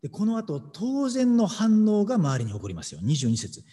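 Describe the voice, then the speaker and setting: Animated preaching man in a reverberant hall. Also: sits high. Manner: animated, emphatic preaching with dramatic pauses. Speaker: pastor. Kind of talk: sermon with scripture reading.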